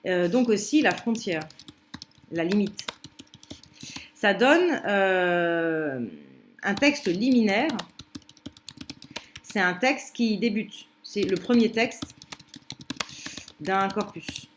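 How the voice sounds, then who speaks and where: A woman's voice: medium pitch, lively intonation, drawn-out words, pauses often, a little hiss or hum. A woman teaching a commented translation lesson, explaining step by step with many fillers and restarts.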